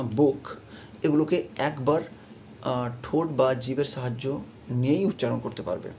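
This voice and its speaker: A man explaining English grammar in a lesson. He talks it through with hesitant fillers, mixes English terms into his speech and reads example sentences out slowly. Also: mid-range voice, darkish tone, a little hiss or hum. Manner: slow deliberate reading of English examples, mixing English terms into his talk.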